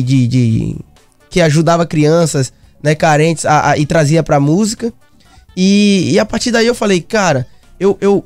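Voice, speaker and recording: Man, Bahian accent, songwriter guest, halting speech, slightly high voice, dry sound, faint music. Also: darkish tone, no echo. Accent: Bahian Portuguese. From Bahia, Brazil. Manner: halting, many repeated words and restarts. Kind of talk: casual interview talk.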